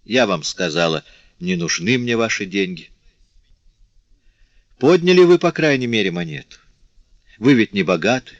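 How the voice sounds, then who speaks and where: A man's voice: lowish voice, animated, moderate pace, long pauses, dry recording, natural voice. A man reading the part of a dying young woman, weak and tender, speaking faintly in a dry, slightly dull audiobook recording. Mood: tender, wistful. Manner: faint, fading speech.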